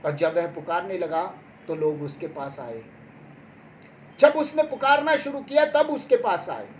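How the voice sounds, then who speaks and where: A woman's voice: fairly low pitch, lively intonation, a little slow, a little mellow. A woman preaching a Bible sermon, repeating her points with emphasis and checking in with her listeners. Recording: dull lo-fi sound with faint background noise.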